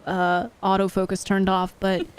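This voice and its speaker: A woman talks loosely to her live-stream viewers while playing a game. She rambles, giggles, and swears casually, at an ordinary mid pitch. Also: smooth. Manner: chatty, giggly, swears freely.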